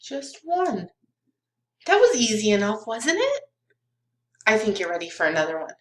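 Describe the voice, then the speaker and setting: A woman's voice: fairly high pitch, wildly swooping pitch, normal speed. A young woman giving a recorded lesson to small children like a kids show host, in simple, encouraging words, asking questions and counting along. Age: young adult. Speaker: kindergarten math teacher. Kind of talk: recorded children's lesson, talking directly to pupils. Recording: roomy, echoey webcam sound.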